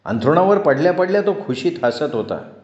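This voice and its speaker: A man narrating a novel as a storyteller, steady and measured. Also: on the high side. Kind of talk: novel reading. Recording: roomy dull lo-fi sound.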